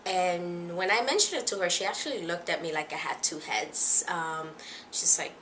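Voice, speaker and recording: A young woman from the Dominican Republic talks to camera in a casual first vlog, pausing often with fillers and sounding a little nervous. Her voice sits a bit low yet has a bright, forward edge. Faint background noise is heard behind her. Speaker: vlogger.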